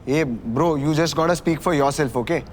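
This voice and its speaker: Guy playing a chill vlogger bro, slangy, very slow drawl, slightly high. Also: fairly even intonation, slight background noise. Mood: defensive. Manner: laid-back, slangy, says bro. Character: breezy young vlogger who says bro. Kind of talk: short film acting.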